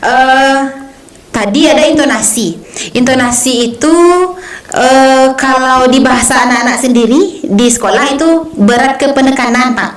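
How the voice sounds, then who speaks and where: High-voiced hesitant young woman coaching. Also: fairly even intonation, normal speed, echoey room. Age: young adult. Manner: hesitant, many fillers, explains with examples. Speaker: speech contest coach. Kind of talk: conversational lesson.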